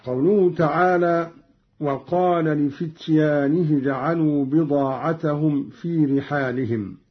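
A male recitation teacher explaining readings in a measured way and chanting each verse slowly. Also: on the high side, fairly even intonation, breathy edge, lo-fi sound.

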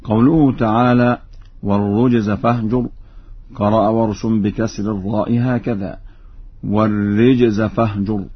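A man teaching recitation variants, giving measured spoken explanations and then chanting each example slowly and melodically. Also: on the low side, steady tone, slightly rough, lo-fi sound.

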